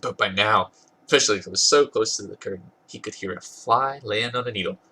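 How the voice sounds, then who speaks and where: On the low side and moving at a normal speed, the voice is bright, forceful, husky, and congested. It belongs to a podcast host doing an amused dramatic reading of comic fan fiction, occasionally fumbling words before correcting them.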